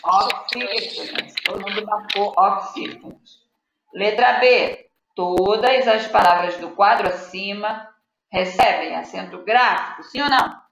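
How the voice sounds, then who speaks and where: A creaky, mid-range voice belongs to a Brazilian schoolteacher speaking a little slowly. She patiently runs a live Portuguese lesson online for kids, reading lists of words aloud and quizzing them. The audio is dull and lo-fi, with room echo and faint noise.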